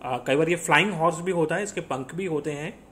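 A man's voice: fairly high pitch, brisk, a bit bright, a little hiss or hum. Man teaching exam quiz, asks and answers himself. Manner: explains step by step, asks and answers his own questions; mixes in English phrases. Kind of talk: classroom lecture with quiz questions.

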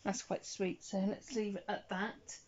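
A woman's voice: mid-range voice, steady tone, a little slow, a little mellow. Woman, breathing heavily as she chats. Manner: heavy, audible breathing while talking. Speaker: hobbyist doll vlogger. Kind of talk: casual rambling chat while dressing a doll. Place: indoors at home, hands-on beside a bed. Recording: slightly dull lo-fi phone sound.

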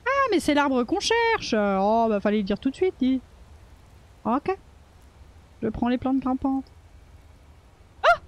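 High-voiced woman chatting over a game. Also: big pitch swings, slow pace, pauses often. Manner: playful, chatty, swears freely, talks to the game. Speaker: gaming streamer. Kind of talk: casual let's-play commentary.

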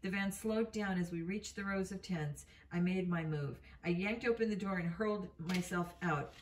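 A woman's voice: lowish voice, moderate pace, slight background noise. A woman reading a novel aloud in an unpolished way, with slips and self-corrections. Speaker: reader. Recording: roomy, mic at a distance.

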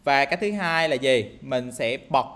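A man's voice: medium pitch, animated, normal speed, a bit bright. A man teaching game programming in a screen-recorded tutorial, talking casually and thinking aloud with lots of fillers and tag questions. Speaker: programming instructor.

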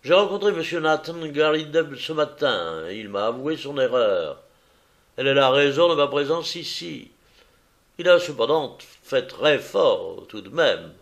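A brusque, touchy middle-aged foreign visitor, as a male narrator puts him on. He talks loud, raised and pushy, with a hint of suspicion, unhurried in a storybook reading. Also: medium pitch, close to an everyday voice. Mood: insistent. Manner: loud, insistent, slightly suspicious.

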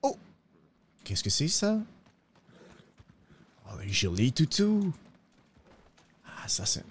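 A man puts on a broke, excitable cowboy with a put-on accent for a western roleplay. His voice sits somewhat high and leaps all over the place, melodramatic one moment and muttering the next. He pads his lines with a questioning 'hein'. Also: slow, a little hiss or hum. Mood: chatty. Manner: theatrical, sliding pitch, tacks 'hein' on lines. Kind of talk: in-character roleplay.

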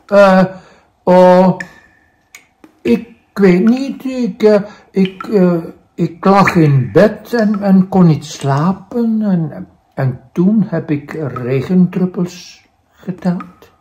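A man's voice: sits high, extremely slow, a little mellow, muffled recording, pitched above the performer's own voice. A man voicing a sleepless little man who stammers and hesitates. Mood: hesitant, dreamy.

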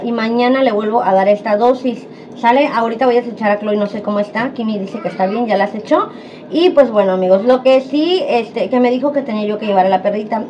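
A woman with a slightly high, warm voice chats casually to camera in a home vlog, treating viewers like friends. The sound is dull and lo-fi, with clear background noise.

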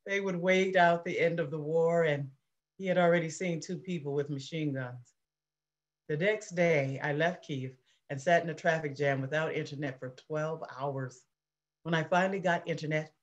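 A woman reading the part of an anxious mother recounting wartime, in an earnest, measured dramatic reading over a video call. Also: deep voice, close to an everyday voice. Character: anxious middle-aged mother recounting war. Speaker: reader in a play reading.

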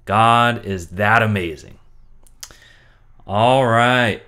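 A man's voice: fairly low pitch, very slow, sharp tone. A man teaching an online Bible lesson for children, telling the story expressively and asking rhetorical questions.

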